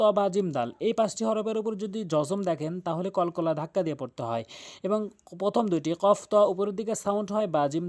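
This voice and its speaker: Earnest high-voiced man teaching recitation. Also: a little mellow. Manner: earnest, insistent, spells out letters syllable by syllable. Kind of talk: tajweed lesson.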